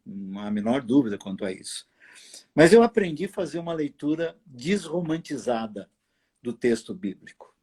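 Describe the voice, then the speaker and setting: A man hosting a late-night live video chat from his apartment, speaking slowly and deliberately with long pauses and fillers. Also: mid-range voice, big pitch swings, mellow, breathy edge. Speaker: host. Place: apartment at home.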